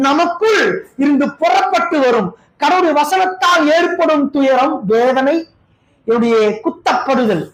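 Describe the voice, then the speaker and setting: A man preaches with a Tamil Nadu accent, his voice pitched very high. He keeps swinging from shouted bursts down to low, intense passages and throws out rhetorical questions. His voice rings through an echoey church hall. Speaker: pastor. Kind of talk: sermon. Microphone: handheld or stand microphone.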